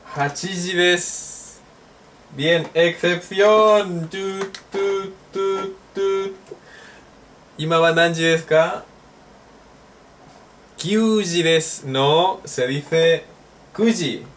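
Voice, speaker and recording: A man teaching a recorded language lesson, drilling phrases slowly and joking as he goes. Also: high-pitched, a bit bright. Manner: slow, repeats drill phrases, jokes and laughs. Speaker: Japanese teacher. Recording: distant mic with faint noise.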